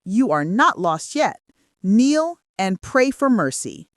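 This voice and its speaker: A woman voicing a wise, gentle elderly village woman, speaking slowly in a lowered, solemn voice. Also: sing-song, no echo, studio quality.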